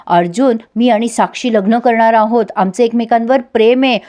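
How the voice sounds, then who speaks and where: A woman's voice: a little high, steady tone, moderate pace, dark tone, close to an everyday voice. A woman voicing a young man in love who firmly defends his partner to his friend. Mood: defensive firm.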